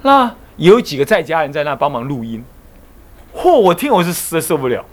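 A man's voice: a little high, brisk. A man, a Buddhist monk and abbot, giving a dharma lecture, telling anecdotes with emphasis and frequent chuckles. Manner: animated storytelling, emphatic, chuckles often.

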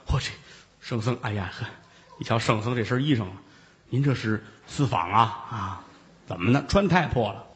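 A man's voice: moderate pace, in a large hall, natural voice. A man doing a fawning county magistrate. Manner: low, hushed and flattering.

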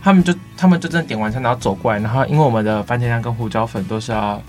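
A man's voice: mid-range voice, very fast, over music. A young man with a Taiwanese Mandarin accent, co-hosting a campus radio show and telling stories by acting out the customers. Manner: animated storytelling, acting out customers. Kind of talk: casual chat.

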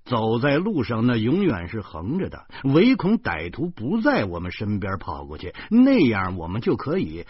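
A man's voice: on the low side, wildly swooping pitch, moderate pace, few pauses, slightly rough, no echo. A man in his thirties with a Beijing accent, narrating an audiobook in a wry storytelling manner. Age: 30s. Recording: dull lo-fi recording.

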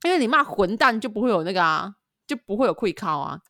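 A woman's voice: mid-range voice, fast talker, dry recording. A woman in her thirties from central Taiwan chats with her co-host, her Taiwanese Mandarin rising and falling with lots of expression. The recording is dry and close. She teases, laughs easily, and keeps the talk light. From Changhua, Taiwan. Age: 30s. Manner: animated, laughing, teasing. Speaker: podcast co-host. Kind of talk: casual chat. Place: home, recorded remotely.

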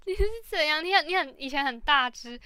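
A woman's voice: high voice, lively intonation, fast talker, sharp tone, no echo, studio quality. A woman hosting a casual podcast. She reacts expressively and asks lots of questions. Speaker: podcast co-host. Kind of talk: casual chat.

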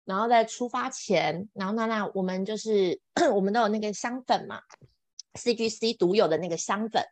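A woman, a podcast guest telling a personal story in an animated, exclamatory way, her voice jumping up in excited bursts. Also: moderate pace, no echo. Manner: expressive, exclamatory, laughs often, jumps between high excited bursts and soft asides. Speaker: podcast guest, event planner.

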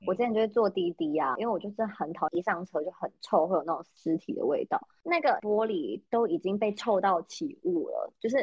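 A woman's voice: mid-range voice, fast talker, hardly any pauses, breathy edge, dry recording, lo-fi sound. Brash Taiwanese-accented woman telling stories. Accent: Taiwanese Mandarin. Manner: animated storyteller, blunt and swearing. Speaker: podcast co-host. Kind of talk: casual chat.

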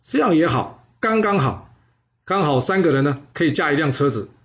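A man voicing a hearty, commanding ancient lord with a booming delivery. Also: sing-song, normal speed, a bit bright, dull audio. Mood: jovial.

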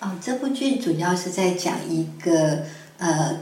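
A woman with a Taiwanese Mandarin accent speaks as a guest scriptwriter in an interview, explaining things conversationally and hesitantly as she pieces her thoughts together. Her voice is fairly low and warm, a little slow, with lively intonation. The room is echoey, with faint noise.

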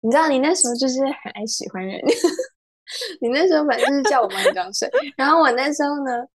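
A young woman, a guest chatting on a podcast. She tells stories with lots of giggles and animation, and her voice sits a little high. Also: animated, fast. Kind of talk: casual chat.

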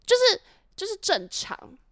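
A woman's voice: extremely high pitch, huge pitch swings, measured pace, dry recording. A young woman with a Taiwanese Mandarin accent, co-hosting a casual podcast chat, telling a story and acting out the quoted lines with frequent laughs. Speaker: podcast co-host.

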